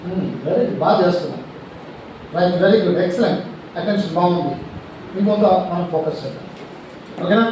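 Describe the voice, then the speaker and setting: A man with a very high voice and a leads schoolchildren through a quick call-and-response game. He sounds distant and very echoey. A crowd of children and steady noise sit behind him. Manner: animated, calls out commands for a game. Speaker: psychologist. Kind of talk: motivational session with schoolchildren. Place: school gathering.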